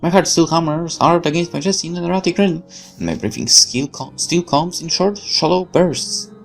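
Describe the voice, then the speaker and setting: A man with a fairly high voice, lively intonation, and vocal fry reads at a moderate pace over faint music. Acting as a gaming host narrating a visual novel, he performs dramatic scripted horror in a theatrical, intense way, with occasional word stumbles.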